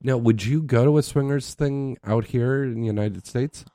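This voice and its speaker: A man's voice: medium pitch, moderate pace, warm tone, no room sound, clean studio sound. A man hosting a casual interview, informal and prompting his guest with questions. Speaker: interview host.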